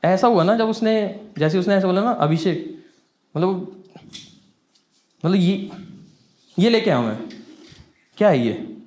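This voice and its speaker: A young man doing stand-up comedy, telling a story and acting out the dialogue with big swings in pitch and loudness. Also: animated, a little slow, pauses often. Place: comedy stage before an audience.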